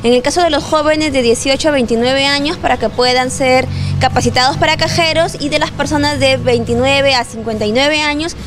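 A woman's voice: high-pitched, music in the background. A young woman with a Peruvian Spanish accent, interviewed on camera with a handheld mic, explaining a program step by step. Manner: informative, slows to read out phone numbers. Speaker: program coordinator. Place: indoors in front of a station logo wall. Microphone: handheld station mic.

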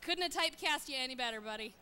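Woman, children's sermon, church, slightly high voice, crisp and bright, coaxing questions. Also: expressive, racing, slight background noise. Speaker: church children's message leader. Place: church sanctuary.

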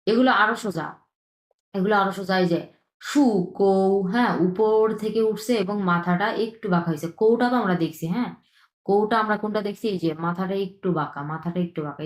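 A woman teaching a language online, explaining each stroke patiently, often checking in with a quick question, while she is ill with a cough. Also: fairly low pitch, reverberant. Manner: patient, repetitive, checks in with frequent tag questions.

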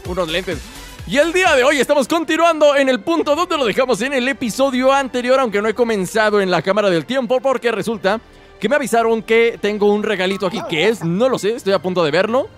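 A man's voice: extremely high pitch, quick pace, faint music behind. A man giving playful, joking commentary over his gameplay. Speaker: gaming YouTuber.

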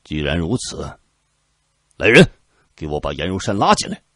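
A gruff, explosive army general from a storybook tale, roaring and cursing in a raised, husky voice that swings wildly up and down, as a male narrator puts him on. The voice is dry and close. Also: low-pitched, sing-song, normal speed, a bit bright, no room sound, full character voice. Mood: gloating.

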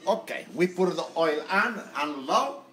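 A man's voice: sits high, slow pace. Chatty older Italian-accented man cooking. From Italy. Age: 80s. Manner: chatty, broken English, animated gestures. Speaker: home cook host. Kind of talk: live cooking demonstration. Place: home kitchen, indoors. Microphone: handheld phone camera. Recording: echoey kitchen with faint music.

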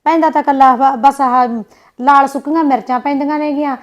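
A woman's voice: high-pitched, steady tone, muffled recording. A woman with a Punjabi accent acting a young village wife in a short film, complaining and snapping back. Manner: sulky, complaining, quick retorts.

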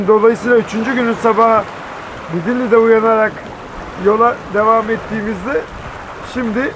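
A man in his fifties on a sailboat at sea, calmly explaining the route and rigging with frequent pauses. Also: extremely high pitch. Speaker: sailor explaining the voyage. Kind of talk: casual explanation to camera. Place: on a sailboat deck at sea, outdoors. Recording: wind and wave noise at sea.

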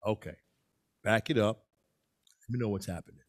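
A man voicing an easygoing, laid-back man who talks calmly and slowly. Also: on the low side, no echo, clean studio sound, pitched below the performer's own voice, lightly acted. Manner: calm, slow.

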